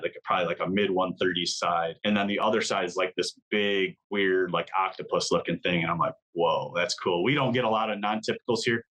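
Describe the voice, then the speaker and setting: A man's voice: fairly low pitch, bright, forceful tone, poor audio. A man from Michigan, a podcast guest, telling a hunting story in a casual, vivid way, full of "like"s and mimicked deer calls.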